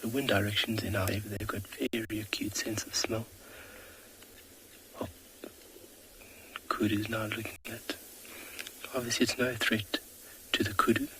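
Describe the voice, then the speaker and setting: Man, whispering, low flat voice, awed safari commentary, clear outdoor ambience behind. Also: a little slow, long pauses, slight background noise, low-quality recording. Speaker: safari guide. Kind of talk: whispered live wildlife commentary. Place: outdoors at a watering hole.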